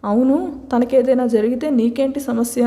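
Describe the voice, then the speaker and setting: A woman voicing a patient middle-aged mother who gently coaxes and advises her son. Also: on the high side, fairly even intonation, moderate pace, long reverb tail, close to an everyday voice. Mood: gentle, advising. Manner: gentle, coaxing, lecturing.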